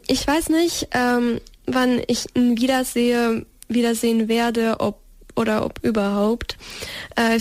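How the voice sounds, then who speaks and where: A woman's voice: fairly high pitch, dry recording. A teenage girl from Ukraine speaking, answering interview questions hesitantly with many fillers and restarts. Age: teens. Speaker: interview guest.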